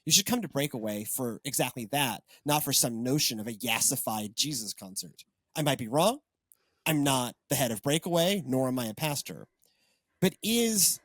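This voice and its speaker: Chatty wry pastor hosting a podcast. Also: male voice, mid-range voice, bright, forceful tone, no room sound. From Texas. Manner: chatty, rambling, wry, many fillers and restarts. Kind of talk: casual podcast chat.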